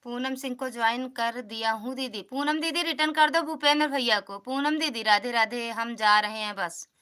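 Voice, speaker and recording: Her voice a little high, pushed, and bright at a normal speed, a woman from Uttar Pradesh, India, speaks with an Awadhi accent on a casual live stream. She's chatty, calls out commenters by name, and asks people to support each other and come back.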